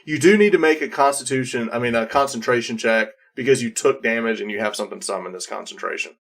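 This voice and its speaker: A man's voice: mid-range voice, fast, fairly bright tone. A man narrating a tabletop role-playing game as game master, in a casual, playful way.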